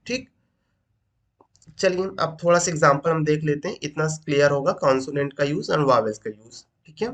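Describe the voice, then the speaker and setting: A man's voice: a little high, fairly quick, highs cut off. A man teaching an English grammar lesson, asking rhetorical questions and repeating each point as he explains. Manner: asks rhetorical questions, repeats points, says "ठीक" often.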